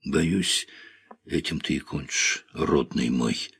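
A man voicing a weary middle-aged village woman in an audiobook, husky, with folksy, soft, reproachful speech. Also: lowish voice, big pitch swings, slow, no room sound, exaggerated voice. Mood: sorrowful. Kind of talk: audiobook character reading.

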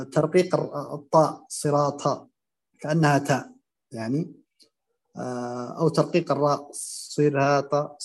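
A man teaching Quran recitation, explaining and demonstrating common pronunciation errors in a halting, filler-heavy way. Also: mid-range voice, darkish tone, breathy edge. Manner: hesitant, many fillers and restarts, demonstrates pronunciations aloud.

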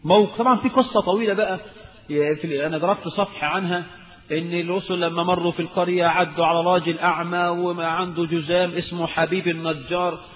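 A man's voice: high voice, fairly even intonation, quick pace, long reverb tail, phone-quality sound, slight background noise. A man with an Egyptian Arabic accent preaching a recorded Islamic lecture, firing rhetorical questions and rising to emphatic outbursts.

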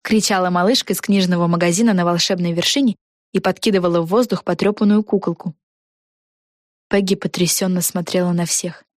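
A woman narrating a children's book in an even storytelling manner. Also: lowish voice, fairly quick, no echo, clean studio sound. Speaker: audiobook narrator.

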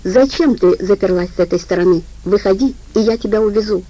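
A woman's voice: mid-range voice, brisk, warm tone, lightly acted, low-quality recording. A woman voicing a worried man who urgently pleads with a girl to come out. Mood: urgent pleading. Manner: urgent, insistent. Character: worried loyal man pleading through a door.

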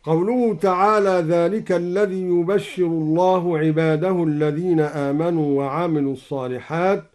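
A man from Egypt, a Quran recitation scholar, explaining reading variants in a measured voice and chanting each example melodically. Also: a little high, steady tone, a little mellow. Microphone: broadcast studio microphone.

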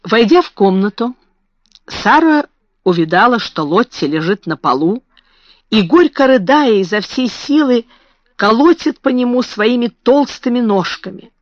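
A woman narrating an audiobook in an expressive storytelling manner. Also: fairly high pitch, unhurried, no room sound. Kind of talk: scripted narration. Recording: dry, slightly muffled recording.

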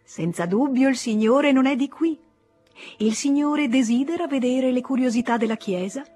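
A woman doing a husky, pompous old church guide. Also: mid-range voice, lively intonation, a little slow, faint music behind. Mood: unctuous. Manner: unctuous, lecturing.

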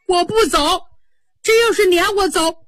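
A woman voicing a sharp-tongued, jealous young maid who talks in a sneering, scornful way. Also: very high-pitched, a little slow, no echo, studio quality, pitched above the performer's own voice.

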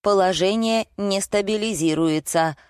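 A woman voicing a talking electric wheelchair in an audiobook, giving slow, drawn-out mechanical announcements. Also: medium pitch, darkish tone, clean tone, no room sound, studio quality, pitched above the performer's own voice, close to an everyday voice. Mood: alarmed. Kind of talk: audiobook character voice.

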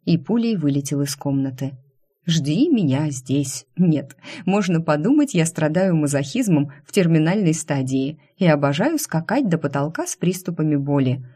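A woman narrating a first-person novel as an audiobook, with a wry, expressive reading. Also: low voice, moderate pace, few pauses.

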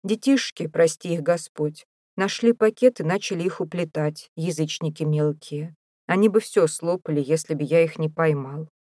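A woman voicing an excitable, pious male family father in an audiobook, quick and exclaiming. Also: low-pitched, no echo, clean studio sound. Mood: excited.

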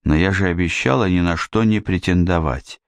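A man voicing a shy, earnest young queen who talks quickly and apologetically, in an audiobook reading. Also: deep voice, creaky, no echo, clean studio sound. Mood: sheepish.

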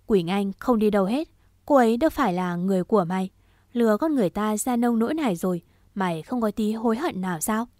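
Một người phụ nữ đọc giọng một chàng trai trẻ cứng rắn, che chở, nói dứt khoát và đầy đe dọa. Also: female voice, medium pitch, brisk, few pauses, darkish tone, no echo, studio quality, lightly acted. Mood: cold. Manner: firm, clipped and threatening. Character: stern protective young man, cold and resolute.

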